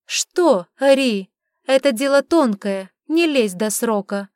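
A woman voicing a sharp-tongued, sarcastic witch in an audiobook, scolding and mocking. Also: on the high side, animated, slow, no echo, studio quality, voice pushed up. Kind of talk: audiobook character reading.

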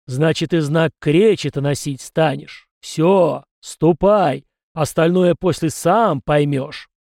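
A man voicing an ancient male ancestor spirit, a disembodied voice that speaks in slow, weighty pronouncements. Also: a little high, creaky, a little mellow, no echo, studio quality. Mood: solemn.

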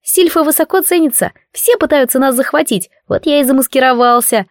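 A woman voicing a cheerful, loyal little male air spirit with a squeaky, high voice in an audiobook. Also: a little fast, no room sound, clean studio sound, close to an everyday voice. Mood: earnest. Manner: bright, eager. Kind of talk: audiobook character voice.

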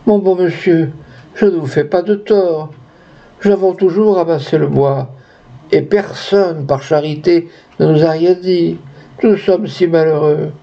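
A man's voice: fairly high pitch, steady tone, a little slow, creaky, warm tone, voice pushed up. A man voicing a poor old woman who gathers wood, pleading and wailing, in a dull lo-fi recording.

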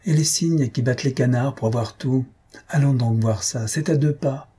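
A man voicing a meddling old spinster aunt in an audiobook, with a husky voice and a chattering, busybody manner. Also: mid-range voice, moderate pace, warm tone, natural voice. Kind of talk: audiobook character reading.

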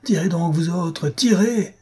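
A man voicing a mocking, vengeful English detective in an audiobook, pitched higher than his narration. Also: moderate pace, warm tone, slightly rough, natural voice. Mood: shouting. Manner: mocking and aggressive.

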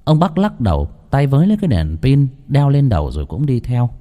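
A man narrating a ghost story in a lively, dramatic way. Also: mid-range voice, fairly quick.

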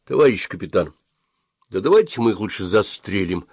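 A man's voice: fairly low pitch, lively intonation, a little fast, darkish tone, husky, dry recording. A man voicing a blunt, mocking young soldier.

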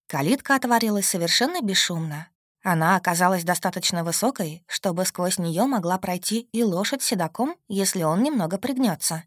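A woman narrating a fantasy audiobook in the first person with steady, expressive storytelling. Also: fairly low pitch, fairly quick, dry recording, clean studio sound.

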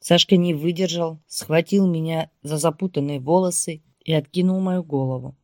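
A woman reading first-person audiobook narration in a steady storytelling voice. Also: low-pitched, moderate pace, no echo, clean studio sound.

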